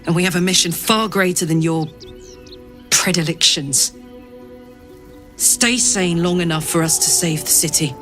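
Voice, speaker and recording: A woman's voice: lowish voice, unhurried, pauses often, a bit bright. A woman playing a big-hearted warrior in a video game, blunt, wounded and earnest. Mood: disappointed, resolute. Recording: music behind. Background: game music.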